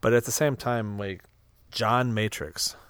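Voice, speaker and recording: A man's voice: lowish voice, fairly even intonation, a little slow, a bit bright, smooth, no room sound. A man co-hosting a podcast, chiming in with dry, sardonic remarks in casual movie talk. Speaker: podcast co-host. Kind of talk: casual movie-review chat.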